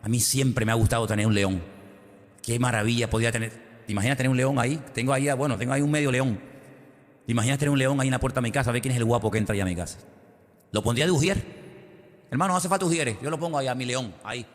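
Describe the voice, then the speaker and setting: A man's voice: mid-range voice, racing, long reverb tail. A male pastor preaching a sermon, telling Bible stories dramatically and acting out their voices. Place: church.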